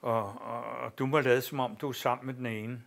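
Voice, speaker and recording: An older man, an actor and theatre director, telling lively anecdotes in an interview and swearing casually. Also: medium pitch, creaky. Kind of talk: anecdotal storytelling.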